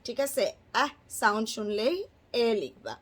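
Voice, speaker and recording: Slow sing-song Bangladeshi woman teaching phonics. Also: on the high side, big pitch swings, a bit bright. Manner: slow, drawn-out, sing-song repetition, switching between English and Bangla. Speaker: teacher to children. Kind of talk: phonics lesson for kids.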